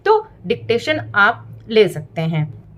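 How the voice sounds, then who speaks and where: A woman's voice: mid-range voice, huge pitch swings, slow, fairly bright tone. A woman in her thirties explaining to parents how to teach spelling, breaking words into parts and spelling letters aloud, with frequent "theek hai" check-ins. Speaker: parenting and teaching channel host. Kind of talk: explanatory home tutorial.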